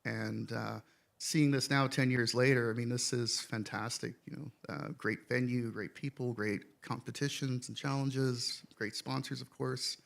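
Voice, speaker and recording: A man with a gravelly, fry-laden voice speaks on a conference panel. He is relaxed and rambling, with a self-deprecating humor. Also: mid-range voice, unhurried. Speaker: conference organizer. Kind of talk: live panel remarks. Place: conference stage, live audience.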